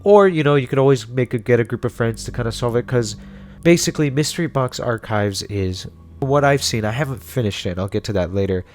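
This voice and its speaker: A video host and reviewer speaks in a medium-pitched, darkish male voice at a fairly quick pace. His commentary and recommendations come out casual and rambling, like an informal chat.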